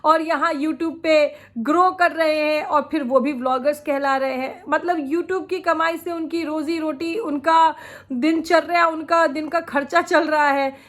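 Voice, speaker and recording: A woman vlogger with a sore throat from a cold gives opinionated, casual reaction commentary about other creators, laughing often. Her voice sits high and sounds a bit bright.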